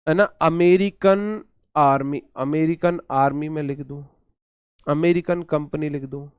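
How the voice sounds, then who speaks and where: A man's voice: on the high side, a little slow, smooth, no room sound. Indian guy teaching english grammar, says things twice, keeps asking where the error is, dry close sound. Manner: repeats key points, quizzes students directly. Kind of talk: online exam-prep lesson.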